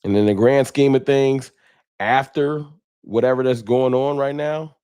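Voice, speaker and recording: This American sports fan content creator reads chat and talks casually and candidly to his livestream audience in colloquial speech. His medium-pitched voice is steady, unhurried, a little mellow, and clean in tone, in a dry, clean studio recording.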